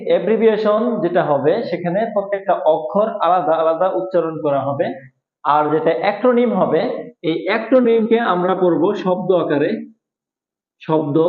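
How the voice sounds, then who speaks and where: A man teaching an English lesson at a board, explaining slowly and repeating each point. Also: high voice. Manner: slow, repetitive explaining, spelling out letters. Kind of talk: whiteboard lesson. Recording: echoey room, tinny phone-like sound.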